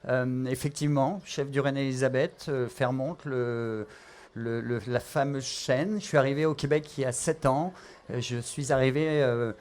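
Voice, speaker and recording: Speaking at a normal speed in a mid-range, slightly mellow voice, a middle-aged Parisian chef from France walks through a cooking demonstration. His intonation stays fairly even, though he keeps restarting and dropping in fillers.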